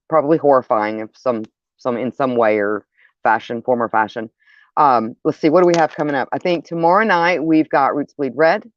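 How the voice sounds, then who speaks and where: A woman's voice: deep voice, no room sound. A woman hosting a horror livestream, chatting to viewers in an informal, loosely rambling way. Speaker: host of a horror livestream show. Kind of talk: casual livestream chat to viewers, as horror host. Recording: dull, dry lo-fi stream audio.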